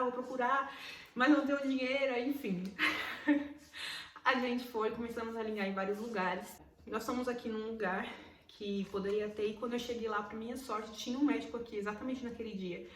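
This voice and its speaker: A young Brazilian woman with a Brazilian Portuguese accent, telling a personal story to camera in a casual, emotional way and repeating words for emphasis. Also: a little high. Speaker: vlogger. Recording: roomy echo, mic at a distance.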